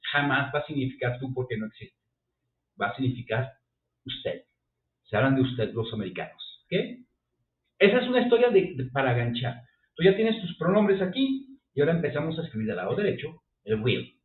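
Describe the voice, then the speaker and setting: Animated male teacher, far and tinny. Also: fairly high pitch. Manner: lively, repeats and checks with "ok?". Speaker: English teacher. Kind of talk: classroom grammar lesson. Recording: roomy, distant, phone-like sound.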